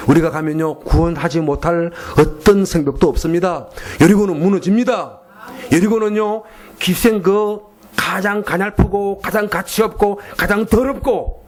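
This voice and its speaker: An emphatic male missionary preacher with a Gyeongsang Korean accent, delivering a sermon in a church sanctuary. His voice sits a little high for a man, and he drives points home by repeating phrases, now and then slowing into careful English.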